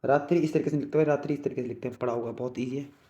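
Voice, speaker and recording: A man's voice: medium pitch, fairly even intonation, rapid-fire, dark tone, echoey room, dull audio. Man teaching spelling, calling "okay brother?". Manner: repeats words, keeps asking "okay brother?". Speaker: exam-prep Hindi teacher. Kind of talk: spelling lesson for exam prep.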